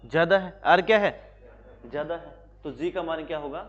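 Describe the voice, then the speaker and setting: Here a Haryanvi-accented male physics teacher addresses his classroom at a moderate pace, his pitch fairly high. Questions keep coming, and he answers each one himself, all captured in a slightly dull lo-fi recording.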